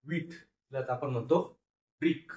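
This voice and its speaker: A man teaching phonics, slowly sounding out words syllable by syllable and repeating each word. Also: mid-range voice, darkish tone. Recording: echoey room, voice a bit far from mic.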